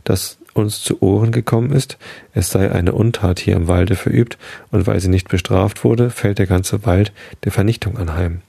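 A man's voice: fairly low pitch, fairly even intonation, moderate pace, creaky, warm tone, slightly rough, dry recording. A man voicing a grave old elk elder. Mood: solemn.

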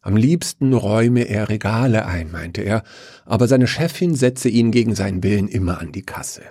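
A man with a low, husky voice reads a story aloud in a wry, even manner. The sound is close and dry. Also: moderate pace, no room sound. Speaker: narrator.

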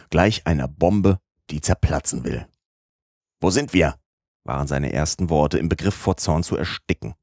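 Low-voiced male audiobook narrator. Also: a little mellow, no room sound, clean studio sound. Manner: measured storytelling. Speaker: audiobook reader. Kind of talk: scripted narration.

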